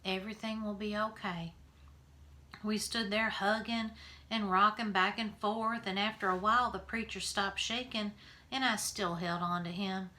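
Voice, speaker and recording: Lady reading a kids book out loud then chatting about it, bright clear voice, easygoing. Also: medium pitch, moderate pace. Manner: relaxed, thinking aloud with fillers in the commentary. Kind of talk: reading a children's novel aloud with commentary.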